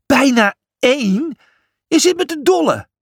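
A man's voice: extremely high pitch, sing-song, a little slow, creaky, fairly bright tone, breathy edge, no echo, studio quality, voice pushed up, full character voice. A man voicing a reckless, cheerful young male zebra who brags and whoops. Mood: rowdy excited. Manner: wild and boastful, whooping.

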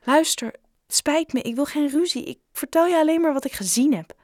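A woman's voice: fairly quick, darkish tone, dry recording, clean studio sound, close to an everyday voice. A woman voicing an upset chubby schoolboy who pleads and turns hurt in a children's audiobook. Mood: pleading. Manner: high, pleading and tearful. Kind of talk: audiobook character voice.

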